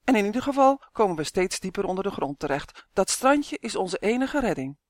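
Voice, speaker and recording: Earnest, determined young boy, as read by an audiobook narrator; mid-pitched, dry recording. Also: big pitch swings, fairly quick, no room sound, lightly acted. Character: brave, practical young human boy. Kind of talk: audiobook character voice.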